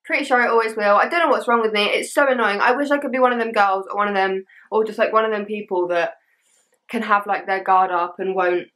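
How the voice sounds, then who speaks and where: A woman's voice: medium pitch, quick pace, fairly bright tone. A young English woman in casual chat to camera, talking informally with British teen slang and lots of "like". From England. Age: young adult. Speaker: social media creator. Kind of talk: casual chat to camera, reading out and answering assumptions.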